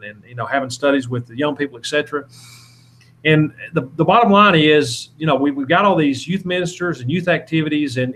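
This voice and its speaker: A man with a slightly high, somewhat bright voice speaks over faint background noise. He is an evangelist from Alabama in the southern United States, talking informally and earnestly in an interview that drifts into preaching, often exhorting and repeating himself.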